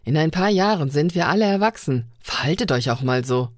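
A woman voicing a stern young male crewman, speaking forcefully and scolding. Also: low voice, expressive, fairly quick, no room sound, clean studio sound.

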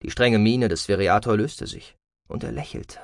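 Expressive male audiobook narrator, dry sound. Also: on the low side, moderate pace, no room sound. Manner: reads expressively, voicing every character. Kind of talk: scripted narration.

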